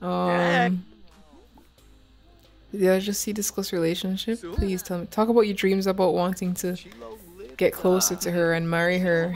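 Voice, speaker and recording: A woman's voice: on the low side, level tone, normal speed, long pauses, soft background music. Giggly woman narrating a game. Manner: chatty, giggly, bossing characters around. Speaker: gaming YouTuber. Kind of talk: let's-play commentary.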